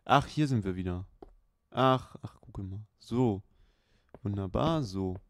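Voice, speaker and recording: Slow-talking man commenting on a game. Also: fairly low pitch. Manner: unhurried, chatty running commentary with many fillers. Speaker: let's play host. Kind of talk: casual gameplay commentary. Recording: clear background hiss.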